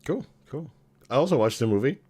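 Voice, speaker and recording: A man's voice: mid-range voice, animated, a little fast, warm tone, husky. A man co-hosting a podcast, chatting casually and enthusiastically about movies, with many restarts and fillers. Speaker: podcast co-host.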